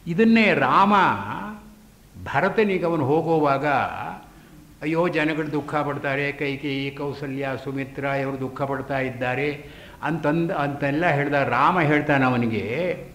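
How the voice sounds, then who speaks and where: A man lecturing on an old epic, chanting Sanskrit verses and then explaining them in a slow, deliberate way. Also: fairly high pitch, a bit bright, echoey room.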